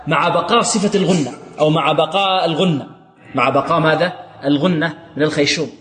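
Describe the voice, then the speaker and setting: Man, high voice, recitation teacher, quizzing and chanting verses, echoey hall. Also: a bit bright. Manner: quizzing students, then answering and chanting the verses slowly. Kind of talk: tajweed lesson with sung recitation.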